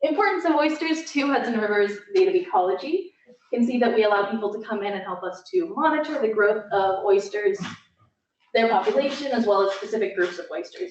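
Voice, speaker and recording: A woman's voice: mid-range voice, slight background noise. A young woman student presenting her internship slides with enthusiasm. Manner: enthusiastic, gets emotional and choked up near the end. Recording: echoey, distant, dull lo-fi sound.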